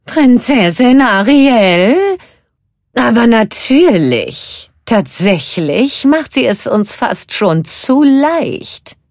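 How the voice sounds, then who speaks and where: A woman voicing a sly, gloating female sea witch who speaks slowly and loudly. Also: on the low side, sing-song, vocal fry, dry recording, clean studio sound, pitched above the performer's own voice, exaggerated voice. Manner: slow, loud and drawn-out.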